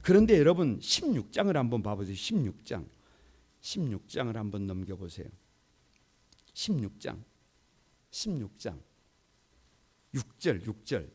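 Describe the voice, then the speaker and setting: Forceful preaching man with a lively pitch. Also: moderate pace, pauses often, husky. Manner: emphatic preaching, repeats phrases, asks the congregation questions and answers them. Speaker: pastor. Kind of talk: sermon, Bible study lecture. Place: church.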